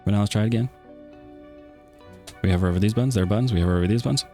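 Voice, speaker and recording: Deep-voiced guy doing a chill game dev tutorial, jokey and self-deprecating, bit of music in the back. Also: racing, warm tone. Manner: joking, self-deprecating, chatty asides. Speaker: game development tutorial creator. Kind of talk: casual screen-recorded tutorial.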